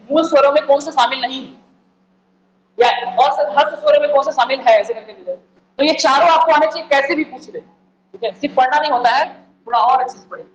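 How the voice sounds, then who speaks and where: High-voiced male teacher quizzing students. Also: dull audio. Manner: repeats points and quizzes the listeners with questions. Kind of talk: exam-prep lecture. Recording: echoey room, faint background noise.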